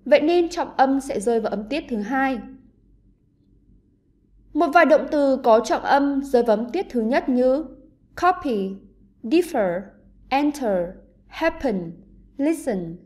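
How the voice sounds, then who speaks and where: A woman with a Vietnamese accent, teaching an online English lesson to pupils and explaining slowly and carefully. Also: sits high, dark tone.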